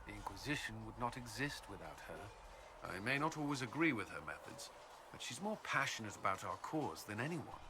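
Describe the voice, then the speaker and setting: A man with a lowish voice and big pitch swings plays an earnest, dutiful military commander in a fantasy video game, with a noisy background behind him. He sounds measured and earnest, a little hesitant, halting when flustered.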